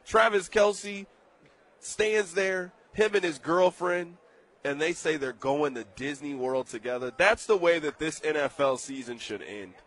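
A man's voice: on the high side, measured pace, a bit bright. A young man hosting a sports betting talk show, emphatic and playful as he riffs on hypothetical scenarios.

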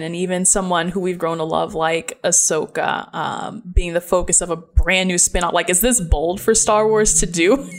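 A woman hosting a podcast who talks casually and chattily and laughs easily. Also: fairly low pitch. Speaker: podcast host. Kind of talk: casual chat.

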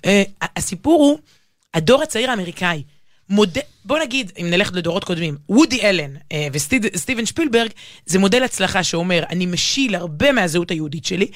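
Co-hosting a casual talk show, an Israeli-accented woman speaks with a medium-pitched, expressive voice, emphatic and animated, frequently stopping mid-sentence to rephrase. The recording is studio quality, with no echo.

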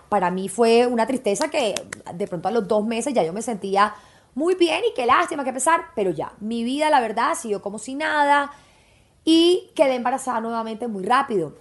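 Candid woman telling her own story. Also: a little high. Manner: candid and emotional, lively storytelling. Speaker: podcast host. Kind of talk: personal storytelling.

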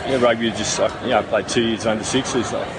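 A middle-aged former rugby player from New Zealand answers interview questions in a relaxed, rambling way, full of fillers and restarts. His fairly low voice moves at a quick pace, and the recording is very noisy.

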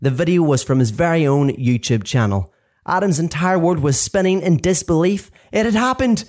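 A man reading his own book aloud in lively, animated storytelling. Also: a little high, normal speed. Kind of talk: expressive audiobook narration.

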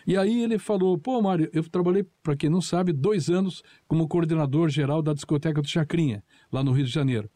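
An older man from Paraná, a guest who once produced TV shows, recalls old anecdotes and acts out the quoted dialogue as he tells them. His voice is a little high and warm, brisk with few pauses, on a dry recording.

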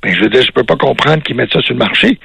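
A man with a Québécois French accent, a cardiologist being interviewed on the radio, explaining in a measured way with unhurried pauses. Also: medium pitch, animated, creaky, bright, forceful tone, rough recording. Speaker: cardiologist guest.

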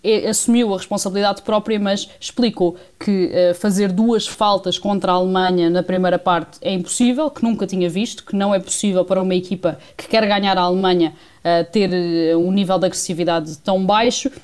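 A woman reporting live on radio with a European Portuguese accent. Her pitch is average, and she analyses football in long, hesitant sentences, correcting herself as she goes. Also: steady tone, fairly quick, a little mellow. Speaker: sports reporter.

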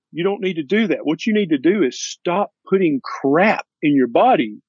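A man's voice: on the high side, no room sound, muffled recording. A man with a Tennessee accent talking as a doctor in an interview, in a blunt, folksy and emphatic way. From Tennessee, USA. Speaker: doctor and author, interview guest. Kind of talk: conversational interview.

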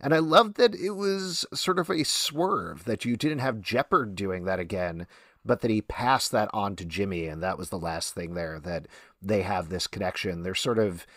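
A man's voice: fairly low pitch, normal speed, a bit bright, no room sound, studio quality. A man co-hosting a podcast in casual discussion. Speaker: podcast co-host.

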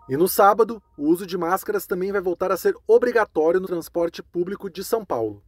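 A Brazilian man presenting a scripted news roundup in a clear, conversational newsreading manner. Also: high voice, animated, fairly quick, no echo, faint music behind.

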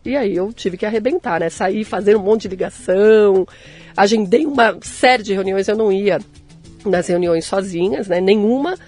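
A woman's voice: mid-range voice, normal speed, darkish tone, soft background music. A woman with a Brazilian accent, a podcast guest, earnestly telling her own story and often adding "né". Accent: Brazilian Portuguese. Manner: earnest, persistent storytelling with frequent "né". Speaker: guest, entrepreneur. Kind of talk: conversational interview.

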